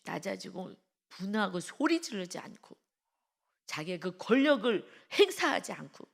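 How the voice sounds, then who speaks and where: A woman pastor delivers an early-morning devotional sermon in a church. Her voice sits low with a rough, gravelly texture. She talks to the congregation in a conversational, storytelling way.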